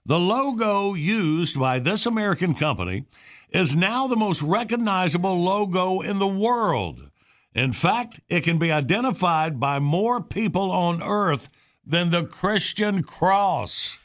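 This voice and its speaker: A man's voice: sits high, expressive, unhurried, fairly bright tone. A man hosting a morning radio quiz in a folksy, casual way. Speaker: radio morning show host.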